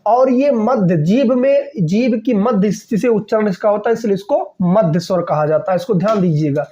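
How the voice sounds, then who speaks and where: Mellow-voiced man teaching a grammar lesson. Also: high-pitched, normal speed, highs cut off. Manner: repeats key points, frequent "ठीक है ना" checks; asks and answers own questions. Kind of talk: exam-prep grammar lesson.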